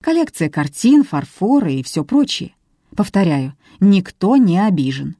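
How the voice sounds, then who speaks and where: A woman reading the part of a calm, businesslike lawyer who reassures the heirs. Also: on the low side, a little slow, dry recording, clean studio sound, full character voice. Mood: reassuring. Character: calm middle-aged male lawyer reading a will.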